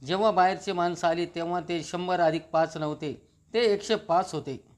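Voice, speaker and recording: A man reading the lines of an earnest young woman who calmly pleads her case to her father in a TV serial recap. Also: on the low side, normal speed, natural voice. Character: young woman, earnest and reasoning daughter-in-law.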